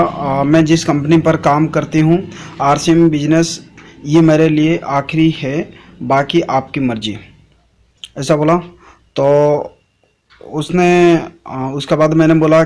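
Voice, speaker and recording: A man's voice: on the high side, a little mellow. A man talking casually to his viewers as a channel host. He reads out chat messages and rambles, with lots of "aa" fillers and "theek hai" tags.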